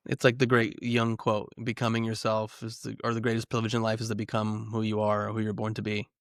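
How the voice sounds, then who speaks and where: A man's voice: on the low side, monotone, a little fast, no echo, clean studio sound. Reflective man in his forties. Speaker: podcast guest. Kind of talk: casual conversation. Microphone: video call.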